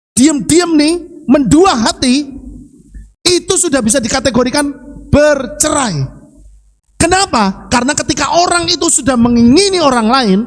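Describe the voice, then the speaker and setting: A male pastor with a Javanese accent, preaching a sermon with rhetorical questions, sudden drops in pitch and a lively delivery. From Central Java, Indonesia.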